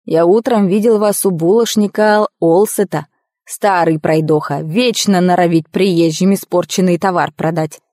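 A woman's voice: lowish voice, moderate pace, mellow, dry recording, clean studio sound, natural voice. A woman voicing a chatty, cheerful male village coachman in a storybook, folksy and talkative. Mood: gossipy.

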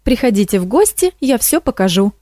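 A woman's voice: on the high side, very animated, a little fast, mellow, no echo, clean studio sound. A woman voicing a cheerful, eager female swamp kikimora who pleads and enthuses, in a storybook reading.

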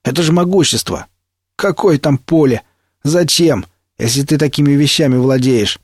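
A man voicing a menacing mercenary stalker with a slow, taunting drawl in an audiobook reading. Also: a little high, husky, no room sound, clean studio sound, pitched above the performer's own voice. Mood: scornful. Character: menacing male mercenary stalker, sneering and cruel.

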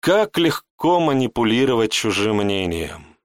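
A male narrator reads a first-person story with expressive, storytelling delivery. His pitch swings widely from phrase to phrase. The recording is dry and close, with no room sound. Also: unhurried, dry recording. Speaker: audiobook narrator.

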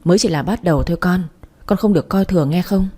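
A woman's voice: lowish voice, fast talker, dark tone, slightly rough. A woman voicing a stern, gullible middle-aged father who speaks bluntly in a storybook reading.

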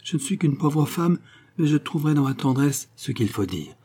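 A man reading a storybook, voicing a cautious, tender aristocratic mother who speaks in a measured, earnest way. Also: on the high side, very animated, warm tone, breathy edge, voice pushed up, full character voice.

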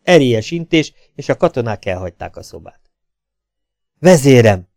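A man with a Hungarian accent narrating an audiobook in an even, measured reading. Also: mid-range voice, creaky, no echo, studio quality. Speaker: audiobook reader.

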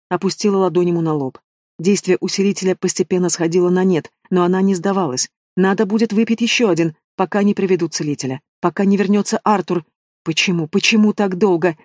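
Guy reading an audiobook, fairly high voice, dry close sound. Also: a little mellow, dry recording. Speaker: audiobook narrator. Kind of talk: scripted narration.

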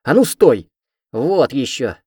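Brief: man voicing a cheeky male spirit cat, teasing, fairly deep, dry read. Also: fairly quick, a little mellow, dry recording, natural voice. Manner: teasing, playful, feigning innocence. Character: mischievous giant spirit cat, sly trickster. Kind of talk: audiobook character voice.

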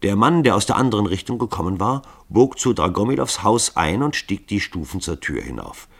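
A man with a very low, husky voice narrates a radio play in a measured storytelling way. His pitch moves through a lively range, and he sounds close to a studio microphone.

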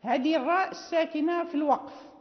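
A woman teaching the rules of Quran recitation, explaining patiently and repeating examples slowly with many pauses and fillers. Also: high voice. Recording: roomy, reverberant, dull lo-fi recording.

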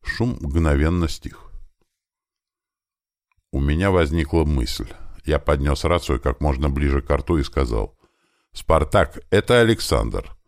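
A man narrating a first-person audiobook with steady storytelling. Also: rumbling low, unhurried, long pauses, no room sound, studio quality. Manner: steady storytelling with lively shifts.

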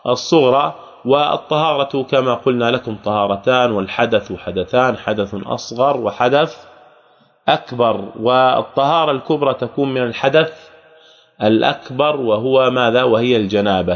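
A man with a Jordanian Arabic accent giving a religious lesson, repeating key phrases and asking the class rhetorical questions. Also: medium pitch. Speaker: religious teacher. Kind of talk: Islamic jurisprudence lesson. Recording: archival hall recording, dull lo-fi sound.

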